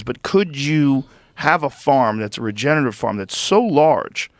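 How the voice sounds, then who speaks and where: A man's voice: mid-range voice, dry recording. A man hosting a podcast, asking curious questions in an easygoing way and dropping in short agreements. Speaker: podcast host. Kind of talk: casual podcast conversation.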